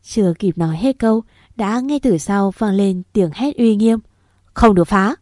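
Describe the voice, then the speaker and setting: A woman narrating a first-person story in a steady, even way. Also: medium pitch, moderate pace, no echo, clean studio sound.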